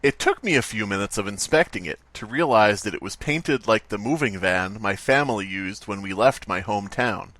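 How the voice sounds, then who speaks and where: This comedy podcast host has a fairly low, slightly bright voice and talks at a moderate pace with hardly any pauses. Animated and joking, he reads stories aloud, riffs on bits, and swears casually.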